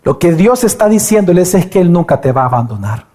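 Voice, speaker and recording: Impassioned high-voiced male pastor preaching. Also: big pitch swings, a little fast. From El Salvador. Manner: impassioned preaching, dropping to soft intimate tones when voicing God; reads scripture aloud and exclaims often. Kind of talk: sermon.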